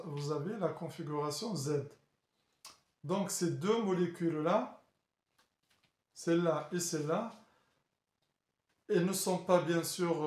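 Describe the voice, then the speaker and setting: A male teacher walks a class through a chemistry lesson, his voice sitting a bit high. He talks slowly, searches for words and often restarts, and keeps checking with the room. The sound carries a clear echo from the classroom around him. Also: darkish tone. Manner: halting, with many fillers and restarts, checking in with the class. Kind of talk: classroom lecture at a board. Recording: echoey room.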